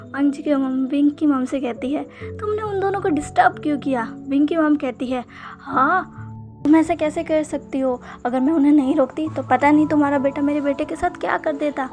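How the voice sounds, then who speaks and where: Brief: female storyteller, high voice, faint music bed, reads all parts the same. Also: fairly even intonation, normal speed, darkish tone. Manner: reads every character in much the same voice. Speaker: fanfiction narrator. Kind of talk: storytelling narration with character dialogue. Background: faint background music.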